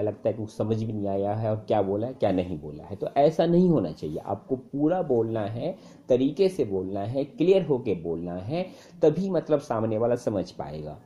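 A man teaching English speaking tips in a casual spoken lesson, full of fillers and repeated phrases. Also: dull audio. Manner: conversational, many fillers and repeated phrases, lively pitch jumps.

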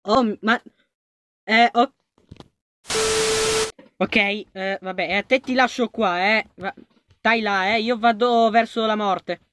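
A gaming video creator giving let's-play commentary, excitable and panicky, talking to the game characters and swinging between shouts and low mutters. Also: slow pace, pauses often, dry recording, lo-fi sound.

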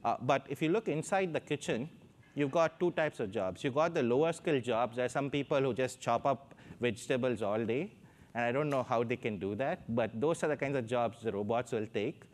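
A man with an Indian accent speaks as a panelist in a discussion on a stage before a backdrop, using a lapel mic. His voice is medium-pitched at a moderate pace, and he is hesitant, using many fillers and gesturing as he talks.

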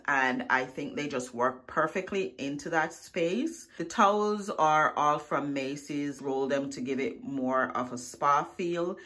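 A woman narrating her home makeover in a chatty, relaxed way, talking straight to her viewers. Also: low-pitched. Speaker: DIY vlogger. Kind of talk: casual voice-over narration.

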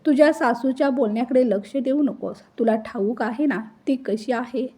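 A woman voicing a kind, gentle older father-in-law who speaks affectionately. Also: on the high side, normal speed, breathy edge.

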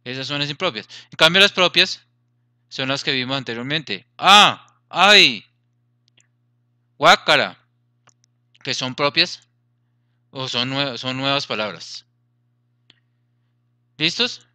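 A man's voice: mid-range voice, a little slow, pauses often, pushed and bright, clean tone, dry recording, studio quality. A man teaching a grammar lesson, explaining patiently, repeating points and checking that students follow.

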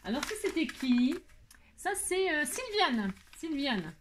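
A woman's voice: high-pitched, big pitch swings, slow, a little hiss or hum. A woman craft vlogger chatting casually as she opens her mail, gushing over each piece and cooing to her cat. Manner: effusive, gushing, repeats "trop joli"; coos to her cat in baby talk. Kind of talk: casual chat while opening mail.

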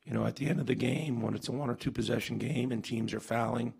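Talking fast in a steady, mid-range voice with vocal fry, slight roughness and some mellowness, a forties-aged coach answers reporters after the game. He speaks into a table mic on a stand in earnest, emphatic bursts, restarting often and using fillers.

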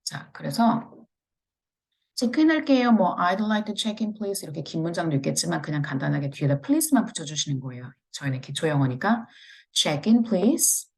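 A woman with a Korean accent teaching English pronunciation, saying model phrases slowly and carefully and explaining each one step by step. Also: lowish voice, big pitch swings, creaky. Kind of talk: pronunciation lesson.

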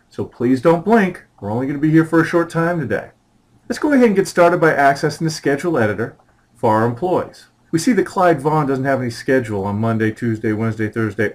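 A man hosting a short screencast tutorial on scheduling software, talking in an upbeat, chatty and playful way as a trainer. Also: medium pitch, rough recording.

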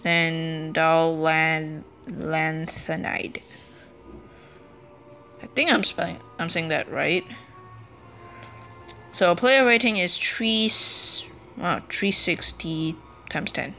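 A woman chatting her way through a let's play, unhurried and a touch low for a woman, but with a bright, forward edge to her voice. She rambles and corrects herself as she goes. Faint game music sits behind her. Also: expressive, gravelly. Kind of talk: casual gameplay commentary.

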